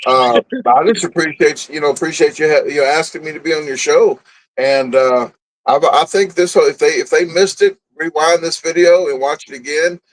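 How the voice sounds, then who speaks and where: A blunt, boastful man, talking casually as an interview guest. His voice sits a little high for a man, and he tends to laugh at himself mid-story. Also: normal speed, poor audio. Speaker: guest, food and camping content creator.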